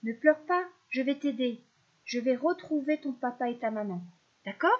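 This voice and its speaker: A small, brave male fish chirps with bright, eager excitement, as a woman storyteller puts him on. His voice sits high and lively. The recording sounds dull and lo-fi. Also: normal speed. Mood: excited.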